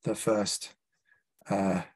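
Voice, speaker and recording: A Scouse poet from Liverpool, England reads at a literary festival in a lowish, darkish voice with a breathy edge and flat delivery. He introduces each poem with a few hesitant fillers and reads each one deliberately.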